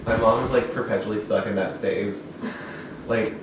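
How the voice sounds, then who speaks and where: A man's voice: lowish voice, steady tone, moderate pace, over a noisy crowd. A young man chatting casually as a co-host, telling rambling stories full of fillers and laughs. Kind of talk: casual chat. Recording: echoey room, far from the mic, noisy.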